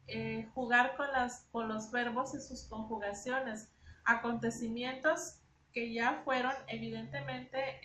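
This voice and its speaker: A high-pitched woman gives a spoken lesson, explaining step by step and often repeating herself. Her voice rings in a reverberant room with a faint hiss behind it. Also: fairly bright tone. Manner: explanatory, repeats words while teaching. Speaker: teacher.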